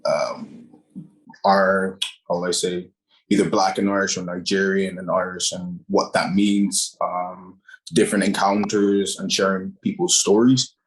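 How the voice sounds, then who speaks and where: A man's voice: low-pitched, steady tone, a little slow, rough recording. A man introducing himself on a panel in an easygoing way, with fillers, on a video call.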